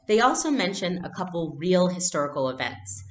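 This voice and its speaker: Her voice is lowish but very animated as this young adult woman, acting as a teacher, narrates and explains a read-aloud lesson at a moderate pace. She uses a computer mic in a small furnished room at home; the audio is roomy with slight background noise.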